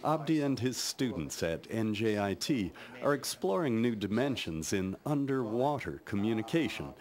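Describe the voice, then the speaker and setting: A man's voice: on the low side, a little mellow, slight background noise. An American man narrating a scripted science news report as a correspondent.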